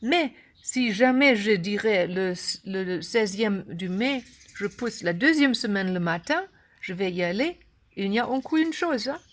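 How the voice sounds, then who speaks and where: A woman from Germany with a German accent gives an unscripted app tutorial in broken, halting French, searching for words. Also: mid-range voice, expressive. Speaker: course creator and app instructor.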